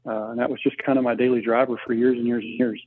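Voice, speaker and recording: Speaking quickly and with a flat delivery, a middle-aged Texan business owner casually recounts his story as a guest on a remote interview. His voice sits in the mid range. The line is muffled and tinny, much like a phone connection.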